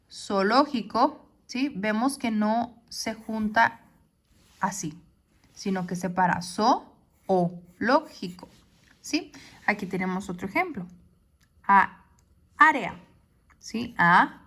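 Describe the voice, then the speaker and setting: A woman teaching a poetry lesson. She explains step by step and often checks with a quick question. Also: medium pitch, fairly bright tone.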